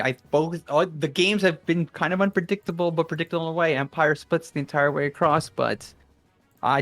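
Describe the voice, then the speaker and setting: A man's voice: fairly high pitch, a bit bright, no echo. Northern English man calling a match. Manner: analytical, measured play-by-play. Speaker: esports caster. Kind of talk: esports commentary.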